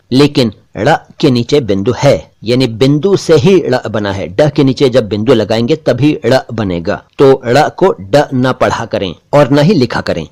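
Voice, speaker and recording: A man hosting a pronunciation lesson, talking straight to his viewers and repeating each word slowly for drill. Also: mid-range voice. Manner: slow, deliberate repetition of words for drill; warm, direct address to viewers as friends. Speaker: language teacher and channel host.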